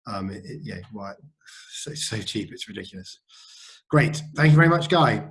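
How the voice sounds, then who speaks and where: A man's voice: fairly low pitch, lively intonation, normal speed. A man hosting a property meetup, chatting casually and praising his guests in an upbeat way. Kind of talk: casual online meetup chat.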